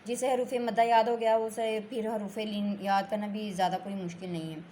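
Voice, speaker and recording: A woman with a mid-pitched voice gives a Quran reading lesson. She talks patiently and draws out her words, repeating syllables for her learners. A faint hiss sits under the recording. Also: fairly even intonation, a little fast, dark tone. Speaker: Quran recitation teacher. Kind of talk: slow step-by-step lesson.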